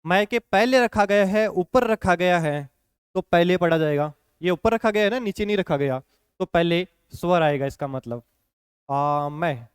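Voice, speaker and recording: A man's voice: high-pitched, expressive, normal speed, clean tone, no room sound, studio quality. A man teaching a shorthand lesson, explaining patiently and often checking in with his students. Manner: patient, repeats points with frequent "ठीक है" check-ins.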